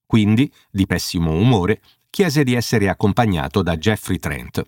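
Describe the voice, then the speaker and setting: Low-voiced, expressive male narrator. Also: dry recording, clean studio sound. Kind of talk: audiobook narration.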